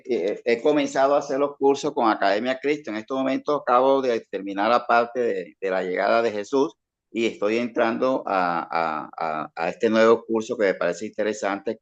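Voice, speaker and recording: A man's voice: on the low side, moderate pace, highs cut off. A man introducing himself as a Bible course student, often repeating words as he talks. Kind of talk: self-introduction on a video call.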